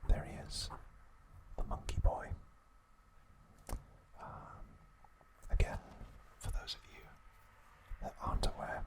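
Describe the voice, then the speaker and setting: An ASMR host, a man, whispers trivia narration in a slow, unhurried, soft delivery, pausing between short phrases.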